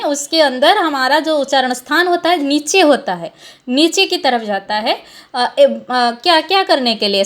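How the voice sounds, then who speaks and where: A woman teaching a Sanskrit class, explaining patiently with frequent fillers and self-corrections and sounding out example syllables for her students. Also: sits high. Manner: demonstrates vowel sounds aloud for students. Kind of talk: classroom lecture.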